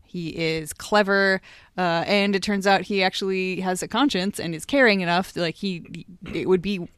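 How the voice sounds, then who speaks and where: A woman's voice: fairly low pitch, normal speed, a bit bright, clean tone, dry recording. A woman co-hosting a podcast, chatting enthusiastically about a TV episode with the occasional dry, sarcastic aside. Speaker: podcast co-host. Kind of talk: casual chat about an old TV episode.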